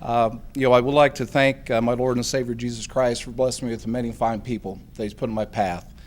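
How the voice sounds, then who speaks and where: A middle-aged man gives an acceptance speech. He rambles in a folksy way and keeps restarting his sentences, with plenty of fillers. His voice sits at an ordinary pitch for a man. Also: steady tone, quick pace. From Hamilton, Ohio. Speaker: hall of fame inductee.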